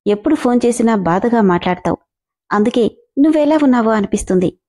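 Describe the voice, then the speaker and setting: A woman's voice: on the high side, expressive, brisk, warm tone. A woman voicing a caring middle-aged mother who coaxes and reassures her daughter. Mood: coaxing.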